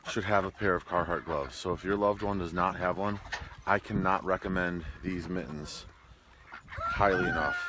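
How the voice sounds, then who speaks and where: A man's voice: deep voice, background noise. A man in his thirties with a Midwestern American accent, filming himself at arm's length at home as he chats his way through a gift list for his vlog. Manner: chatty and jokey, with plain product talk. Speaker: homestead vlogger. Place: home rooms and a garage, indoors. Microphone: handheld camera at arm's length.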